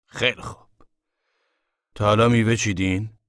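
A man voices a stern, strict middle-aged fruit inspector who gives curt instructions, pitching slightly above his own voice but staying close to an everyday sound. His voice sits on the low side, steady, fairly bright, clear and resonant. The studio recording is clean with no room sound.

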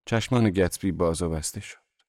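A man narrating an audiobook with an even, measured reading. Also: low voice, no echo, studio quality.

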